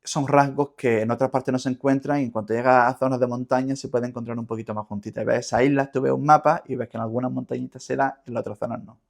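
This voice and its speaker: A man's voice: mid-range voice, fairly even intonation, fast, gravelly, hardly any pauses. A man with an Andalusian Spanish accent explaining things didactically as a linguist in an interview, often repeating words as he searches for the next. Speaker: linguist guest.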